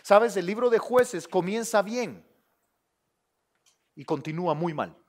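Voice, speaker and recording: A man's voice: high-pitched, lively intonation, takes it slowly. A male pastor preaching a sermon in a conversational way, often speaking to the listener as "brother".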